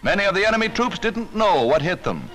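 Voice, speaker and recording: His high, very animated voice moves briskly through the narration. He's an American reading a scripted 1940s newsreel with urgent, dramatic declamation on a vintage soundtrack, loud music underneath.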